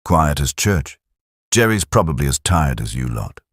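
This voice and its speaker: A man's voice: very deep voice, very animated, normal speed, breathy edge, no room sound, studio quality, full character voice. A man doing a cheeky young British private. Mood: friendly. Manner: breezy and teasing.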